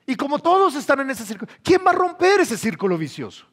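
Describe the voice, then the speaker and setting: A man's voice: extremely high pitch, fast, long reverb tail. A man from El Salvador, preaching a sermon as a pastor and acting out the people he quotes. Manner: animated, acts out quoted voices. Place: church hall.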